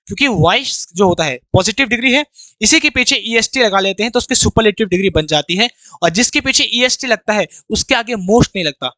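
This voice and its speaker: An English teacher runs an exam-prep grammar lesson, reading each English sentence slowly word by word before explaining it. His voice is high-pitched, bright and forceful, recorded with no echo.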